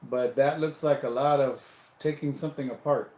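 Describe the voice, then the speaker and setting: A man's voice: mid-range voice, moderate pace, muffled recording. Man, casual livestream chat, thinking aloud, roomy echo. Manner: relaxed, thinking aloud, self-deprecating. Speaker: host building a brick set on livestream.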